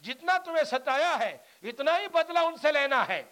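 A man giving an animated sermon of Quran commentary, rising to loud, emphatic peaks. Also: very high voice. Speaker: preacher.

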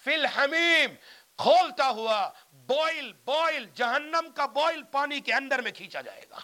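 High bright-voiced male preacher. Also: lively intonation. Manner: recites Arabic verses and explains them in Urdu; emphatic, repeats phrases. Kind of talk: Quran commentary sermon.

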